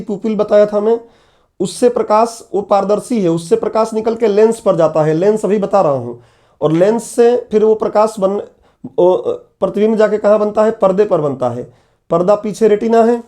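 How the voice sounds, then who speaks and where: Speaking through a laptop mic in an online class, a teacher with a high, warm voice runs an exam-prep lecture. He repeats the key terms and puts questions to his students.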